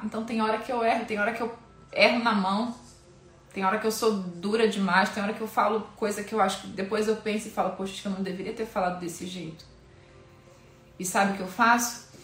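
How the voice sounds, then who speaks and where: A woman from Brazil with a Brazilian Portuguese accent, hosting a devotional live-stream talk for women in a candid, informal and emotionally expressive way. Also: medium pitch, echoey room, a little hiss or hum.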